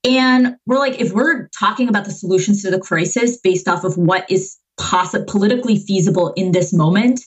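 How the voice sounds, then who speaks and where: A woman in her twenties from Massachusetts, a climate organizer talking passionately and quickly in a podcast interview, with many fillers. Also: mid-range voice, slightly rough, highs cut off. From Massachusetts, USA. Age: 20s. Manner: passionate, fast, with frequent fillers. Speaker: climate movement organizer, guest.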